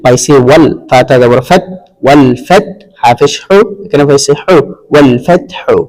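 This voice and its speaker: A man teaching Quran reading, spelling out each letter and vowel, then blending and repeating syllables slowly. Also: fairly high pitch, darkish tone. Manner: repeats syllables and tells listeners to pay attention. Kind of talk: slow spelled-out recitation lesson. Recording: long reverb.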